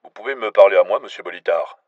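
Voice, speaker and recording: A man voicing a gruff, cold male special agent with an American accent, threatening over the phone in an audiobook. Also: lowish voice, quick pace, no echo, highs cut off, close to an everyday voice. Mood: cold, menacing.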